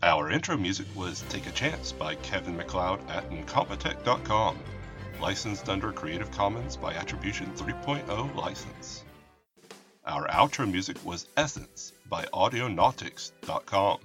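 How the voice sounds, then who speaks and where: Deep man reading credits over music. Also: animated, normal speed. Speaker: announcer.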